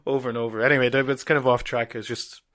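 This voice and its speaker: A man's voice: medium pitch, little pitch movement, fast talker, a bit bright. Male co-host, mid-range voice, candid rant-style opinions, casual swearing. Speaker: podcast co-host. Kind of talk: casual chat.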